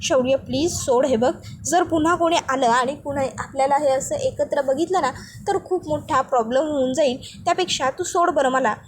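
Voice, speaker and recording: A gentle young bride from a family drama pleads and apologizes, read out by a woman narrator. The voice sits high and soft-spoken. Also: fairly quick, slight background noise, lightly acted. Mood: pleading.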